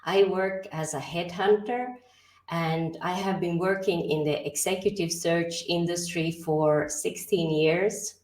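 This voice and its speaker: A woman guest on a video call, explaining things in a measured way with some fillers. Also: on the low side, steady tone, a little mellow, echoey room. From Estonia, grew up in Sweden. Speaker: guest, executive recruiter. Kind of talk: interview answers.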